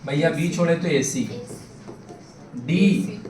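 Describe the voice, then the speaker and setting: High-voiced male teacher quizzing a class. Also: slow, a little mellow, slight background noise. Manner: quizzes the class constantly, asking for yes or no answers. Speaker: math teacher. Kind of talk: classroom lesson. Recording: echoey classroom taken from far off. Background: students in the room.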